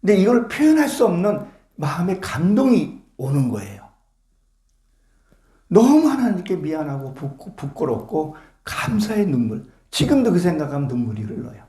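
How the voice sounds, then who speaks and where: A man's voice: fairly high pitch, big pitch swings, moderate pace, warm tone, roomy sound. A male pastor preaching a sermon to his congregation, fervent and full of rhetorical questions. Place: church sanctuary with congregation.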